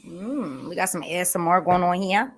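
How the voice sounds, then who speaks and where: A woman hosting a mukbang, chatting casually and relaxed between bites while she eats. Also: fairly low pitch, moderate pace, a little hiss or hum. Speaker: mukbang host.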